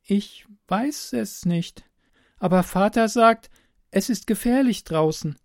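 A man voicing a secretive, childlike teenage girl in a whispered role-play, speaking slowly in a soft, hesitant whisper. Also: high-pitched, animated, vocal fry, no echo, studio quality, voice pushed up, exaggerated voice. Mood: hushed, wary. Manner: soft hesitant whisper, slow careful words.

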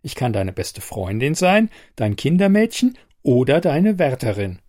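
A man voicing a cool female android bodyguard in an audiobook, speaking calmly and firmly. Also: medium pitch, unhurried, dry recording, studio quality. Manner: calm, firm, matter-of-fact.

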